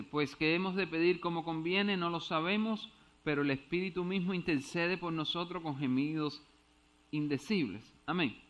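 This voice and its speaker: A man's voice: fairly high pitch, fairly bright tone. Man preaching in dull lo-fi sound. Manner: explains step by step, often asks if understood; stumbles over Greek words. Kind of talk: Bible teaching sermon. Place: church.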